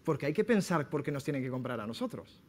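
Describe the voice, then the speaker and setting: A man from Spain giving a sales seminar to entrepreneurs, lively and quizzing his audience. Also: medium pitch, fast talker. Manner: lively, questions the audience directly. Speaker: speaker at a business talk. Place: seminar room.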